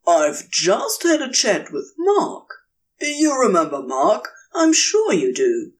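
A woman's voice: mid-range voice, wildly swooping pitch, slow pace. A woman reading a story aloud, voicing a man's overbearing, mockingly cheerful brother. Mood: pushy cheerful. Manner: bright, insistent, mockingly cheerful. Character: pushy, overbearing grown brother, male.

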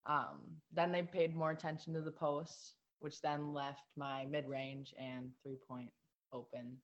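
Low-voiced teenage girl, chatty guest. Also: a little slow, lo-fi sound. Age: teens. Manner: relaxed, chatty, uses "like" and "um" often. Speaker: guest, high school basketball player. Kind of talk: casual interview answers.

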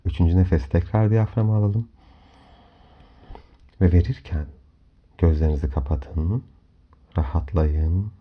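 A man hosting a guided hypnomeditation in a calm, soft, soothing voice, giving measured instructions with long pauses. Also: deep voice. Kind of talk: slow guided meditation narration. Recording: dull lo-fi audio under music. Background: clear background music.

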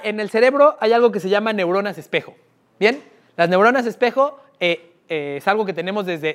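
A man with a Mexican accent running a live sales workshop, asking the audience frequent questions. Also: high-pitched. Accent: Mexican Spanish. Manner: lively, asks the room questions often. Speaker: sales trainer.

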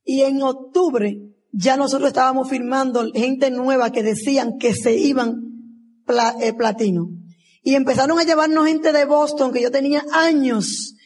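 Woman, forties, husky voice, motivational convention testimony, acts out dialogue. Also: high-pitched, steady tone, moderate pace, a little mellow. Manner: emotional storytelling, acting out dialogue. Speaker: convention speaker.

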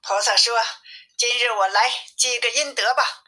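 Bright-voiced woman reading a storybook. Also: fairly high pitch, steady tone, normal speed. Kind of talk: storybook reading of a classic tale.

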